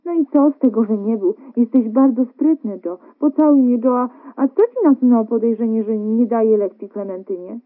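A woman voicing a loving and stubborn young wife in a radio story reading, talking in a bright, coaxing way. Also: a little high, brisk, hardly any pauses, close to an everyday voice. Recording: narrow phone-like radio broadcast.

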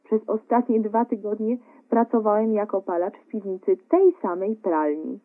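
A woman's voice: mid-range voice, normal speed, close to an everyday voice. A woman voicing a cheerful young male painter, easygoing and a little boastful, on a narrow phone-like radio recording. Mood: confessing.

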